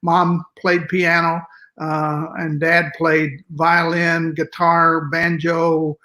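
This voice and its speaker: Older man with high-pitched West Texas twang. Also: monotone, bright, forceful tone. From West Texas, United States. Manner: folksy, halting storytelling. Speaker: interview guest, music educator. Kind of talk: conversational reminiscing.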